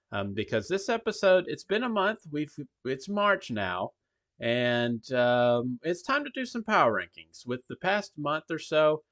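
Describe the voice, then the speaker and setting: A man's voice: medium pitch, fairly bright tone. A man hosting a podcast in casual sports talk. His voice sounds hollow and echoing, as if he were in a tunnel, because his mic is faulty. He talks in a rambling way, with frequent ums and restarts. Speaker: podcast host.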